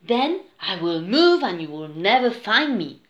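A woman's voice: mid-range voice, big pitch swings, a little slow, dull audio. Older brother figure in a picture book, exasperated and pleading , read by a woman. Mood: annoyed. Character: annoyed older brother boy. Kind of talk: storybook read-aloud.

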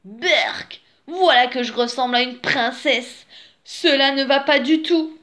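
A woman's voice: lively intonation, slow pace. A woman voicing a big, fussy male wolf who keeps exclaiming in exasperation. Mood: exasperated. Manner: exasperated exclaiming, high and loud.

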